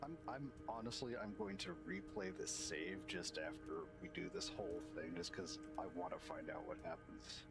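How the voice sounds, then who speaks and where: A man with a lowish voice casually narrating his game, joking and cursing while reading lines aloud. Loud music from the game plays behind him. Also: fairly even intonation, normal speed, hardly any pauses. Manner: joking, reads dialogue aloud, swears. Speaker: gamer playing and reading aloud. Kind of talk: casual let's-play commentary.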